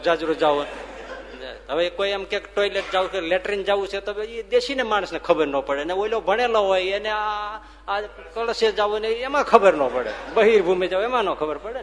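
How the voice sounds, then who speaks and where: A man, a swami giving a storytelling sermon, who acts out the dialogue and laughs as he tells it. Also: high-pitched. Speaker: swami giving a religious discourse. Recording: reverberant hall with faint ambient noise.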